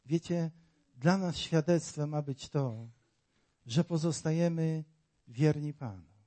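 A man preaching a sermon to a congregation, asking them questions and swinging between loud, emphatic lines and quiet asides. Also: a little high, slow. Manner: talks directly to the congregation with rhetorical questions.

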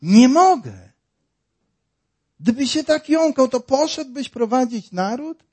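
A man's voice: very high-pitched, lively intonation, takes it slowly, darkish tone, slightly rough. A man preaching a sermon, dramatic and full of rhetorical questions, acting out the voices in his story.

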